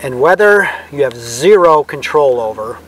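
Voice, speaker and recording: A man's voice: mid-range voice, expressive, moderate pace, a bit bright, a little hiss or hum, rough recording. A man co-hosting a vlog, giving casual advice to the camera in a folksy, reassuring way. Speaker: vlog co-host.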